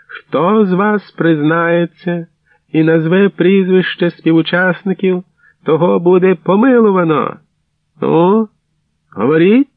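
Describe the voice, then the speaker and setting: A brutal, barking commandant, voiced by a man, yelling in a sharply raised, strained voice. The sound is dull and dry, with no room around it. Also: sits high, slow, no room sound, voice pushed up. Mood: menacing demand. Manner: shouting harsh orders. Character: cruel barking male occupation commandant.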